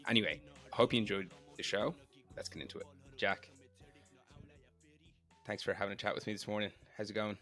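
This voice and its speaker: A man's voice: on the low side, fairly even intonation, a little fast, pauses often, bright, forceful tone, soft background music. A man hosting a podcast in a conversational style, explaining things and putting questions plainly to listeners and guest. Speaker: podcast host. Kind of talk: conversational podcast introduction and interviewing.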